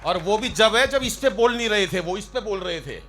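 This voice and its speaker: A man performing as a comic poet on stage, ribbing fellow poets and telling jokey stories in a loud, teasing manner. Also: high voice, lively intonation, brisk, noisy background. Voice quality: loud, ribbing, storytelling with mock shouts. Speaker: stand-up poet. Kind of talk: humorous poetry recital banter. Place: outdoor stage by a river.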